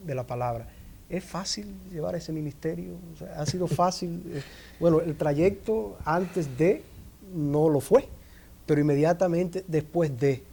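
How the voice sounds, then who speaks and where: Hesitant gravelly TV interviewer. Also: male voice, on the high side, a little slow, dark tone, a little hiss or hum. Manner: hesitant, full of "eh" and "¿no?" fillers. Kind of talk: TV interview questions.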